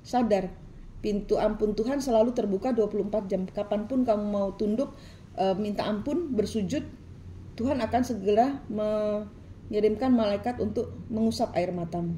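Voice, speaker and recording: A woman's voice: medium pitch, normal speed, warm tone, a little hiss or hum. A woman tarot reader, giving a preachy, scolding reading full of repetition.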